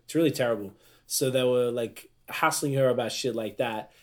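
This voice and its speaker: A man's voice: medium pitch, normal speed, darkish tone. Rambling man hosting a podcast. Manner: rambling, slangy, hunts for words. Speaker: podcast host. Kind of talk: casual chat.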